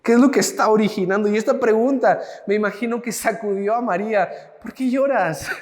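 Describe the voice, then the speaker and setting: High-voiced man giving a reflective devotional. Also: quick pace, long reverb tail. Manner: reflective, addresses the listener directly with questions. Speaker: preacher. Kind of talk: devotional talk.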